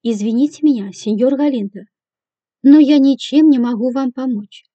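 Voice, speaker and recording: A woman's voice: high voice, moderate pace, mellow, no room sound, muffled recording. A woman reading the lines of a strict, proper hotel manager in a stern, curt manner, in an audiobook.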